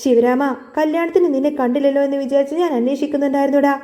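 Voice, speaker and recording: A woman voicing a scheming middle-aged male landowner who blusters and shouts, read as part of a retold serial. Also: very high voice, steady tone, very fast. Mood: defiant.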